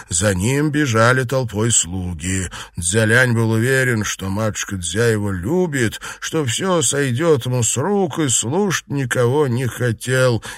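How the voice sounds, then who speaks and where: A male narrator reading a classic novel aloud, his voice bright and forceful. The recording is dry and close, with no room sound around him. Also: mid-range voice, dry recording. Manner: steady, dramatic reading.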